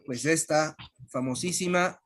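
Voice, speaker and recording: A language teacher walks through pronunciation in an online lesson, unhurried and deliberate. The voice sits at a middle pitch and repeats each sound with patience. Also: a little hiss or hum.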